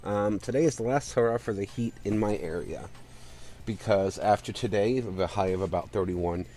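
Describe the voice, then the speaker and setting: Congested low-voiced male streamer. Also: moderate pace, mellow. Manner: rambling, chatty, with fillers and restarts. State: congested and winded. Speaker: streamer playing a game. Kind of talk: casual let's-play commentary.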